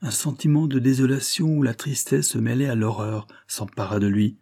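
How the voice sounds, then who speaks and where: Brief: male narrator, mellow and husky, measured literary reading. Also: medium pitch. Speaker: audiobook narrator.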